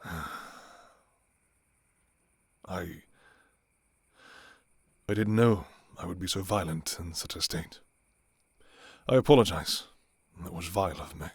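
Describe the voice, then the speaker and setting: Man acting as a vampire king, deep breathy voice, formal old-fashioned speech, restrained longing, intimate ASMR role-play, close dry sound. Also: takes it slowly, long pauses, dry recording, heavily acted. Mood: contrite, courtly. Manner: formal, archaic, hesitant, soft-spoken. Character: courtly adult male vampire king, restrained, yearning for his enemy.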